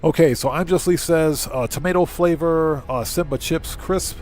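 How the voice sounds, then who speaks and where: A man with a higher, darkish voice talks at a moderate pace, and slight background noise is audible. He's the channel host on a livestream, offering casual commentary as he plays, thinking out loud and reading chat and on-screen text aloud.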